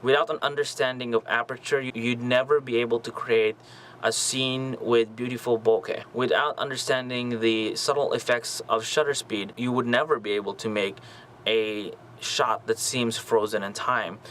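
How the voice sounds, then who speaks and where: A man's voice: medium pitch, steady tone, moderate pace, fairly bright tone, a little hiss or hum, poor audio. A young man hosting a casual photography tutorial, explaining camera settings and checking in often with the viewer. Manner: friendly, checks in with "okay?". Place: small home studio with lights.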